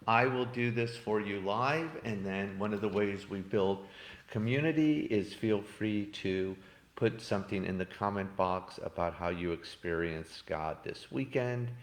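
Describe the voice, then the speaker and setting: A man, a priest, gently leading a meditation and reflecting in an unhurried, conversational way with frequent pauses. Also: fairly low pitch. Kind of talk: guided meditation and spoken reflection. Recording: echoey room.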